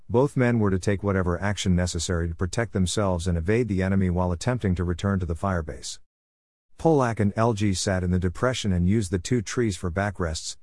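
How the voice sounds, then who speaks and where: Deep-voiced man narrating, dry close mic. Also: no room sound. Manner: measured, steady storytelling. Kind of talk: scripted audiobook narration.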